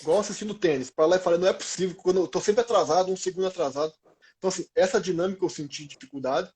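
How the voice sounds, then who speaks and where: A Brazilian former pro footballer in his thirties gives a casual interview in informal, slang-filled Portuguese, telling it like stories to friends. He talks very fast in a slightly high, darkish voice.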